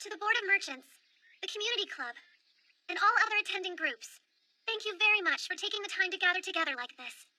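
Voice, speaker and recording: An earnest, eager young anime heroine in overacted English dub style. Her voice is extremely high and very bright, quick and emphatic. She speaks politely and insistently, as if making her case. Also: expressive, heavily acted. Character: earnest, eager young woman leading small-town tourism revival.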